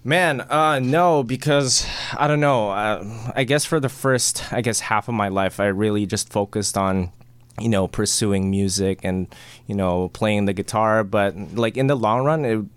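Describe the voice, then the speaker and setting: A man from the Philippines, a guest who edits films, talks easily in a lowish, smooth voice. He strings his thoughts together with filler words. The sound is dry and close. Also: a little slow, dry recording. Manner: relaxed, uses many "you know" fillers. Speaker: guest, film editor. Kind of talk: casual interview chat.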